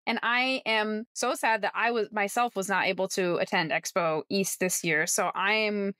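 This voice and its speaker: A woman's voice: mid-range voice, fairly even intonation, moderate pace, sharp tone, no room sound. Upbeat woman podcast host, dry sound. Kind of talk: scripted intro then casual chat.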